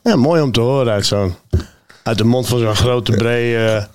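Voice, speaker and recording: A man's voice: mid-range voice, a little slow, darkish tone, clean tone, dry recording. A man hosting a casual chat, asking questions and telling anecdotes in an informal way. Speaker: host.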